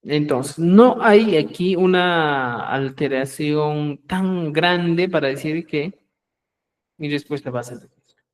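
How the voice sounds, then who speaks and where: A man teaching a live online language class, repeating each example phrase slowly and checking in with his students, often trailing off softly at the end of a phrase. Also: fairly high pitch, rough recording.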